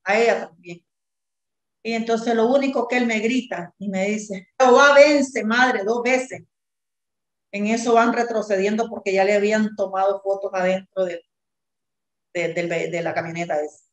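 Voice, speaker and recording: A woman in her fifties giving an agitated, indignant eyewitness account in an interview, acting out the shouted exchanges. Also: mid-range voice, fairly even intonation, moderate pace, roomy sound. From Nicaragua. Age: 50s. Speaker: interviewee, mother of detained student. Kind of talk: emotional eyewitness testimony.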